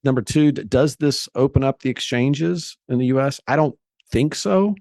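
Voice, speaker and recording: A man as an interview guest, explaining things in a measured way with frequent restarts. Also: mid-range voice, vocal fry, a little mellow, dry recording, studio quality. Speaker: guest, investor. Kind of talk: conversational interview.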